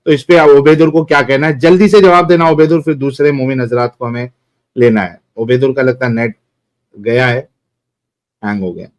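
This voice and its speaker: A man hosting a live stream debate, brisk and directing callers, thanking viewers along the way. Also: mid-range voice. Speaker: host.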